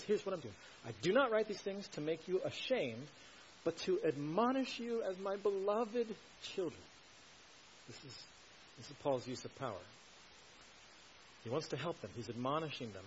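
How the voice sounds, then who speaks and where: A man's voice: mid-range voice, a little mellow, dull audio, slight background noise. Man preaching an earnest sermon. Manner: earnest, rising to emphatic questions. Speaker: pastor.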